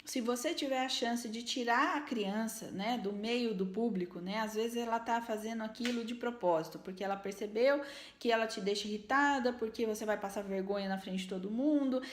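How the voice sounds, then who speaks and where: Lady giving parenting tips to camera, kinda high voice, echoey room. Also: brisk. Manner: earnest and explanatory, many tag questions. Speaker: parenting advice vlogger. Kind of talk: casual advice talk to camera.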